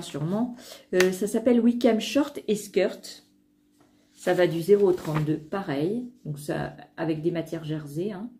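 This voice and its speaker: A woman's voice: low voice, dark tone, a little hiss or hum. A woman vlogger talking casually to camera about sewing patterns, hesitant, with many fillers and restarts.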